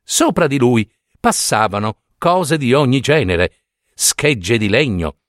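A man reads a fairy tale aloud, taking his time. His pitch rises and falls with the story. The recording is dry and close. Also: no room sound. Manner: unhurried, expressive storytelling. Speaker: narrator. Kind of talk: scripted fairy-tale narration.

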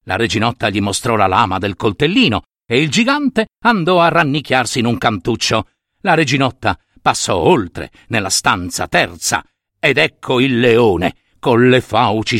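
Animated male fairy-tale narrator. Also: mid-range voice, measured pace, creaky, no echo, clean studio sound. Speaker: storyteller.

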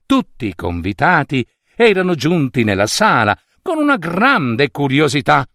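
A man narrating a story in an expressive way, speaking directly to his listeners. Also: a little high, measured pace, no room sound, clean studio sound.

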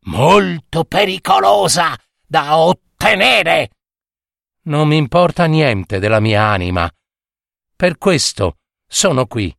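A man voicing a cunning red-haired witch who talks in a teasing, sing-song, drawn-out way. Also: on the high side, vocal fry, a bit bright, no echo, clean studio sound, voice pushed up, exaggerated voice.

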